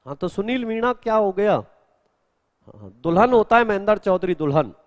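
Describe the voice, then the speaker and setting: A man's voice: high-pitched, expressive, moderate pace, big-room sound. A male Hindi grammar teacher in a live exam-prep class, explaining answers step by step and answering students' questions.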